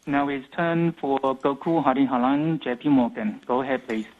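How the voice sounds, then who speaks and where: A man's voice: mid-range voice, fairly even intonation, normal speed. A man working as a conference call operator, heard over a phone line, introducing the next caller in brief, formal announcements. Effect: heard over a narrow phone line. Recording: tinny phone line from a distance.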